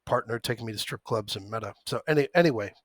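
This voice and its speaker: A man's voice: lowish voice, fast talker, no echo, clean studio sound. A man in his forties hosting an options trading stream from his home computer, swearing often and breaking off his story to call out stock prices. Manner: profane, rambling, jumps between anecdote and stock prices. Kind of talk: livestream storytelling mixed with market commentary.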